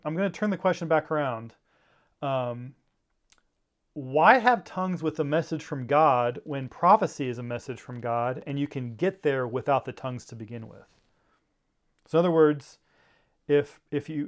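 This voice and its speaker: A man teaching a Bible seminar in a conversational way, with frequent fillers and restarts. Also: on the high side.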